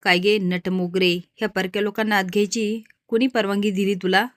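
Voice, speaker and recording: Cruel mother-in-law, read by a woman narrator, loud and scornful, mid pitch. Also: little pitch movement, normal speed, no echo, clean studio sound, lightly acted. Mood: harsh. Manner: shouting, contemptuous. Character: harsh domineering mother-in-law.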